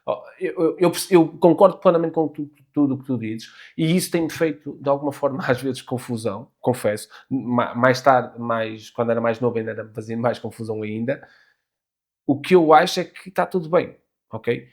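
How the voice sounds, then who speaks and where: Animated middle-aged Portuguese man chatting. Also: medium pitch, normal speed. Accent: European Portuguese. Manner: animated, swearing, many restarts. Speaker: podcast guest. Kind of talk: casual chat.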